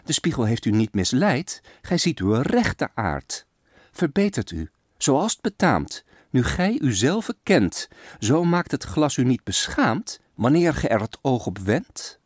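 A man voicing gentle, admonishing Truth. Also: mid-range voice, very animated, a little slow, no echo, studio quality. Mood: soothing. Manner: soothing, admonishing. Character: calm, gentle female figure of Truth.

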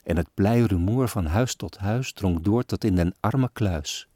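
Slow, low-voiced man reciting verse. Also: dry recording, studio quality. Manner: slow, solemn and expressive with old-fashioned verse. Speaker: reader. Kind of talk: dramatic poetry recitation.

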